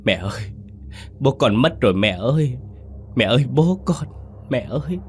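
A man voicing a frantic young man who shouts and wails for his dying father in a spoken horror story. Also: mid-range voice, expressive, moderate pace, a little hiss or hum, pitched above the performer's own voice, lightly acted. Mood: wailing. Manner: panicked, shouting, wailing.

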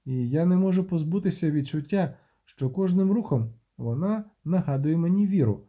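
A man narrating a novel in a measured, tense storytelling manner. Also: fairly high pitch, mellow, slightly rough. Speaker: audiobook narrator. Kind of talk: scripted audiobook narration.

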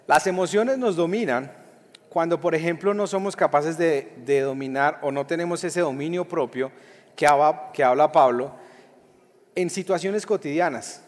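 A young man delivers a sermon in a fairly high voice. He talks casually and jokes with the congregation. The voice rings with the long reverb of a large hall. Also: moderate pace. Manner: lively, joking, conversational preaching with acted-out quotes. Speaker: pastor.

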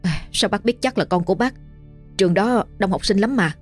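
A woman voicing a young village man, rushed, fretful and gossipy. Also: mid-range voice, animated, faint music behind, natural voice.

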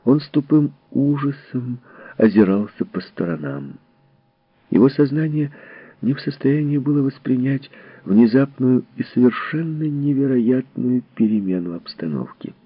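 A man reading a story aloud as audiobook narrator, in a measured, expressive way. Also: medium pitch, husky. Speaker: audiobook reader. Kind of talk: scripted narration. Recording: dull, dry audiobook recording.

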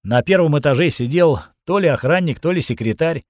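Man narrating an audiobook, slightly high voice. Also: lively intonation, a little fast, no echo, clean studio sound. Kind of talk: first-person scripted narration.

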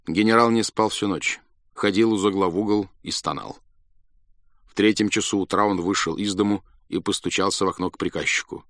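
A man narrating a classic story in an expressive, dramatic manner. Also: low-pitched, no echo, studio quality. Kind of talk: storybook reading.

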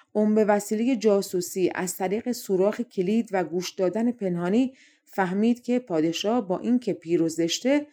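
A woman narrating fairy tales for an audiobook in a steady, expressive storytelling manner. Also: mid-range voice. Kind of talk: scripted fairy-tale narration.

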